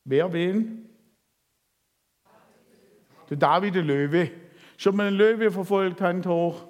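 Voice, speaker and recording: Male preacher, slightly high voice, lively storytelling sermon, long hall reverb. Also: takes it slowly. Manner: lively storytelling, asks the congregation questions. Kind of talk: sermon reading and retelling scripture.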